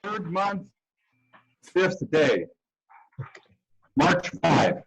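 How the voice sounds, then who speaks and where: A man's voice: high voice, expressive, drawn-out words, creaky, breathy edge, rough recording. A man speaking as a guest on a video call, his audio choppy and breaking up as he halts and searches for words. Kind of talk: remote talk on a video call. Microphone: computer mic on a video call.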